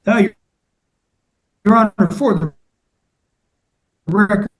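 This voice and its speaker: A man speaking as defense attorney in a formal hearing, halting as his video-call audio cuts in and out. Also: high-pitched. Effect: audio cutting in and out over a video call.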